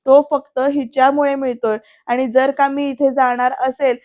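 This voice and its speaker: A woman's voice: high voice, flat delivery, moderate pace, narrow, tinny audio, close to an everyday voice. A woman reading out the firm, insistent lines of a young man in a recap of a TV serial. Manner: resolute, insistent.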